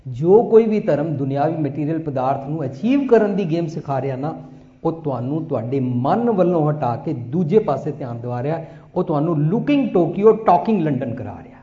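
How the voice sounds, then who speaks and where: Male Sikh preacher, sermon with recited verses, higher mellow voice, roomy dull recording. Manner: preaching, switching between Punjabi, Hindi and English. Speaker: Sikh religious speaker. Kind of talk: Punjabi sermon with scripture recitation.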